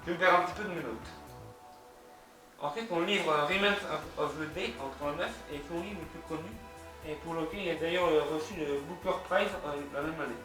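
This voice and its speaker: Halting French-accented man in an echoey room. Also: on the high side, far from the mic. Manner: many hesitations and restarts, reads out web addresses. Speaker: culture video host. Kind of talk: hesitant spoken lecture from notes. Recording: very echoey room, voice from off-mic, faint music.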